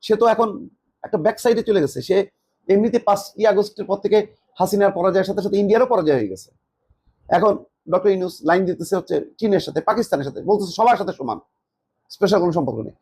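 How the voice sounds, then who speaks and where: Husky man posing mocking rhetorical questions. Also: sits high, fast, darkish tone. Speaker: political commentator. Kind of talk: political commentary.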